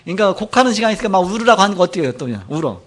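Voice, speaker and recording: A middle-aged male pastor preaching a sermon, telling a personal story and moving between loud emphasis and quiet asides. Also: high-pitched, very animated, rapid-fire.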